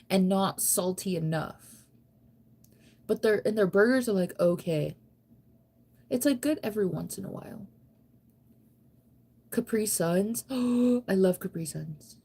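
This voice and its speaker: Her voice sits at a medium pitch, warm with a breathy edge. She's an American woman in her thirties hosting a relaxed late-night livestream, going through viewer comments and answering them. The talk wanders, chatty and playful, with plenty of self-teasing.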